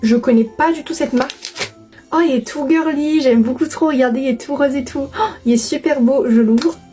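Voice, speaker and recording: Young woman beauty vlogger, high voice, chatty and gushing, faint music behind. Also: fairly quick, dark tone. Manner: chatty and gushing, many fillers. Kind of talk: casual unboxing chat.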